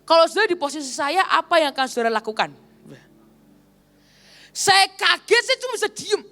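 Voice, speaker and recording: A woman's voice: very high voice, sing-song, brisk, pushed and bright. A woman evangelist preaching a sermon at a church service, telling a story and often addressing the congregation directly.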